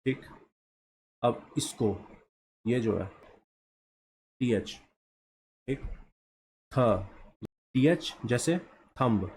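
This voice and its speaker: A man teaches at a slow, unhurried pace, asking a question and then answering it himself. His pitch sits in an ordinary middle range. A faint hiss of room noise stays under his voice. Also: expressive, darkish tone. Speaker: shorthand teacher. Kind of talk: explaining a lesson while drawing.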